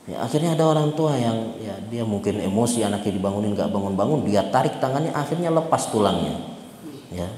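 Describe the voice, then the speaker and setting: A man's voice: fairly low pitch, a little fast. A man giving a mosque sermon. He tells stories and keeps asking the congregation rhetorical questions. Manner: asks the congregation rhetorical questions, lively storytelling. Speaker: Islamic preacher. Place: mosque hall. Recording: echoey reverberant mosque hall.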